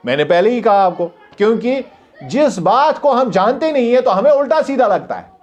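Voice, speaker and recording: A man teaching an English lesson. He reads English lines slowly, then explains them in Hindi and asks the class questions he answers himself. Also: high-pitched, a little mellow. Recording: dull lo-fi recording.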